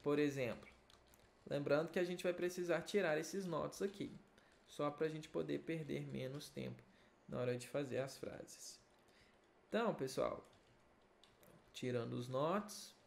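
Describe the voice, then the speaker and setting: A man's voice: on the high side, creaky. A young man with a Brazilian Portuguese accent teaching an English grammar video lesson, explaining patiently and checking in often. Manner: slow, patient explaining with frequent check-ins.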